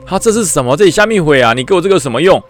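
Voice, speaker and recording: A man's voice: a little high, animated, rapid-fire, faint music behind, pitched above the performer's own voice, close to an everyday voice. A man doing a whiny, scared skinny young soldier. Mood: baffled. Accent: Taiwanese Mandarin. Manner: whiny, pleading. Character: scrawny young male conscript, fearful and sulky.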